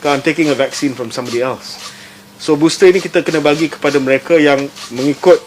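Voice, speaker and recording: A man's voice: on the high side, fast, a little hiss or hum. A young man giving a serious, explanatory answer that mixes English and Malay. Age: young adult.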